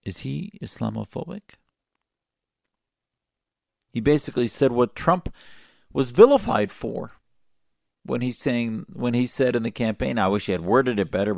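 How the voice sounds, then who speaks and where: A man's voice: mid-range voice, creaky, dry recording, studio quality. A man hosting a talk radio show, delivering impassioned, emphatic commentary with a sarcastic edge.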